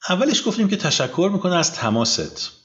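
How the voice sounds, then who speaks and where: Male English tutor, animated intonation, slow careful modeling, dull lo-fi recording. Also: sits high. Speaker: English teacher. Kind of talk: bilingual language lesson.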